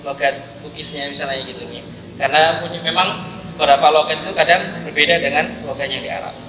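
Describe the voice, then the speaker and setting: A man with a Javanese Indonesian accent teaching Quran recitation at a mosque class, patiently drilling syllables aloud by repetition. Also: fairly high pitch. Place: large mosque hall. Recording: echoey mosque hall with crowd.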